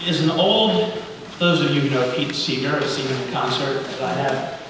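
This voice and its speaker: Heavy echo fills this recording of a middle-aged man from Cuba, a native Spanish speaker, addressing a congregation in a large indoor hall, captured by a distant mic with light background noise. As guest speaker leading the service, he offers a sermon-like address with readings. His medium-pitched voice moves earnestly and deliberately, with pauses between phrases.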